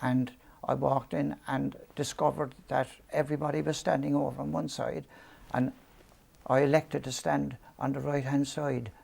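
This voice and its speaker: A Cork man in his seventies, his Irish accent softened by years in London, rambles through self-deprecating stories of his youth as an interview guest, full of ums and restarts. His medium-pitched voice barely moves in pitch, with a moderate pace, vocal fry, a darkish tone and a breathy edge.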